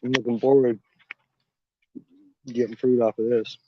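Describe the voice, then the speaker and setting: His mid-range voice moves at a moderate pace with no echo. The thirty-something gardening channel host wanders through his garden outside, chatting loosely on a handheld-phone live stream and chewing fruit between words, all captured in dull, dry, lo-fi phone sound.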